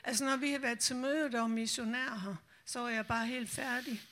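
Lively woman telling her faith story. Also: a little high. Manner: lively storyteller, acts out remembered voices. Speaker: missionary sharing her calling. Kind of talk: personal testimony told to a church meeting. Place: church meeting room.

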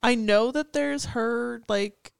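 Podcast co-host, female, high voice, foul-mouthed comic rants. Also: slow pace, vocal fry, clear, resonant tone, no room sound, clean studio sound. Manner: swears a lot, mock-outraged, laughing. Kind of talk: casual chat.

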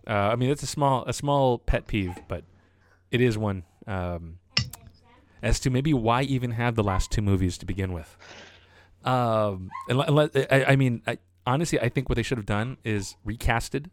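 A man's voice: on the low side, a little hiss or hum. A man in casual podcast chat, hesitant, stammering over repeated words and fillers. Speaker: podcast co-host.

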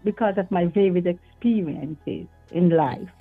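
A woman, a guest author answering interview questions in an earnest, measured, devout way. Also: fairly low pitch, breathy edge, faint music behind. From Jamaica. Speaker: author and retired teacher, guest. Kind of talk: interview answers over a call. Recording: tinny phone-line audio.

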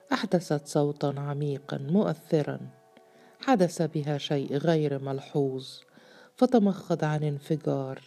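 A woman narrating a literary story with a measured, formal reading. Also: deep voice, warm tone.

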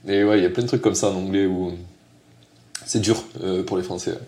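Homme à l'accent du Sud, voix grave. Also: male voice, low-pitched, brisk. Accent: southern French. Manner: relaxed, laughs easily, slangy. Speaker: podcast host. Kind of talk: casual interview chat. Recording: roomy echo.

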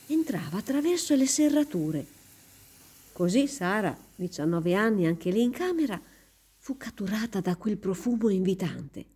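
A woman narrating a story in a calm, measured reading voice. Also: fairly low pitch, breathy edge. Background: soft background music.

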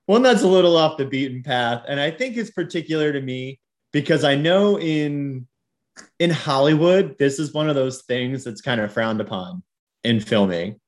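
A man's voice: medium pitch, lively intonation, moderate pace. A man co-hosting a casual podcast about TV and film, chatty, laughing often and wandering into asides. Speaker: podcast co-host.

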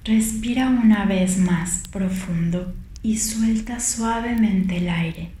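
A woman leading a guided meditation with a soft, calm voice and gentle, unhurried instructions, sometimes near a whisper. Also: medium pitch, echoey room. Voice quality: soft and calm, hushed at times. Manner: slow, gentle instructions with long pauses.

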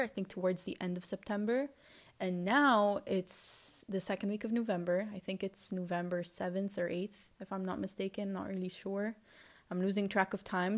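Reflective woman with a Lebanese, partly Americanized accent. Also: medium pitch. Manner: reflective, rambling. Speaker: podcast host. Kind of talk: casual confessional solo monologue.

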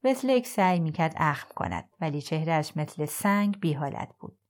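A woman narrating a novel chapter for an audiobook podcast in a calm, even storytelling manner. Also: deep voice. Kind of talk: scripted narration.

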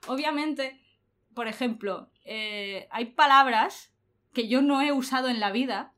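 A woman's voice: high-pitched, unhurried. A young woman, chatting casually and laughing often. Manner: animated, laughs often, colloquial. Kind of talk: casual chat.

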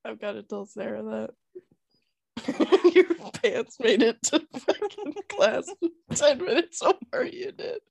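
Unhurried, profane woman podcast co-host. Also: high voice, very animated, vocal fry, darkish tone, breathy edge, dry recording, clean studio sound. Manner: profane, teasing, storytelling. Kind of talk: casual chat.

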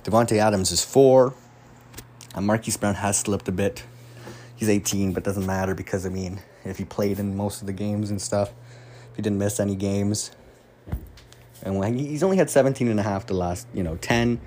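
A man's voice: lowish voice, normal speed, a little mellow, a little hiss or hum. A man hosting a casual solo fantasy football podcast from a room at home, rambling and swearing freely as he gets sidetracked. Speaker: podcast host. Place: room at home, door nearby.

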